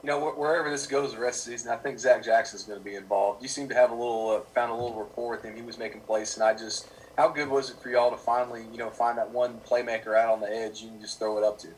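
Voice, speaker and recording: A man's voice: medium pitch, steady tone, quick pace, few pauses, distant mic, poor audio. A man reporting at a press conference, asking long rambling questions full of fillers. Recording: off-mic with faint room noise.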